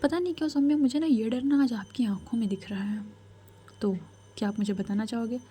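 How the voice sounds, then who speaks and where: A woman voicing a calm, commanding royal grandmother who gives measured, firm advice. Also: a little high, husky. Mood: firm counsel.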